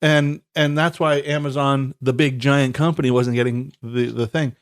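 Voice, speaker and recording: This man's voice is mid-range and smooth, with a steady tone and moderate pace. He's a stuffed-up co-host on a laid-back podcast, rambling and swearing through casual banter, restarting stammered lines and laughing along.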